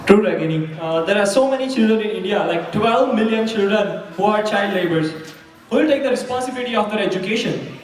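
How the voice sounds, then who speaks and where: A woman acting an earnest, slightly halting commentator in a scripted stage skit. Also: medium pitch, lively intonation, close to an everyday voice. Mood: concerned. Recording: echoey hall from far off.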